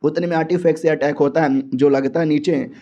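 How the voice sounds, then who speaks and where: A man retells a manga story in a chatty, slangy manner, talking to listeners like friends. His voice sits fairly high but sounds mellow and warm. The recording is dull and lo-fi. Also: fairly even intonation, fairly quick. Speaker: manga recap narrator. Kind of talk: casual story recap narration. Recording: dull lo-fi audio.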